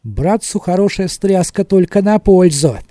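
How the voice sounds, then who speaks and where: A man's voice: sits high, expressive, measured pace, warm tone, dry recording, studio quality, pitched above the performer's own voice. A man doing an irritable, anxious young thief. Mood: grumbling.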